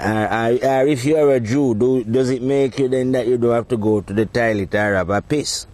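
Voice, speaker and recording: A man talking in a casual, rambling monologue, provocative and quick to laugh at his own points. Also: mid-range voice, mellow, a little hiss or hum. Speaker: podcast host.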